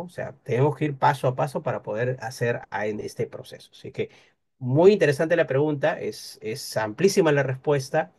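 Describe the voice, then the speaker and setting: A man's voice: medium pitch, darkish tone. A man, giving an explanatory talk on nutrition and rest to an audience, teacherly, with frequent rhetorical questions. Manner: didactic, peppered with rhetorical questions. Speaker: invited speaker on nutrition.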